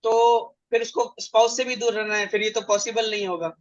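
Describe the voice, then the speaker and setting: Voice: mid-range voice, flat delivery, brisk, muffled recording. A student in an astrology class asking hesitant questions that restart, mixing English into Hindi.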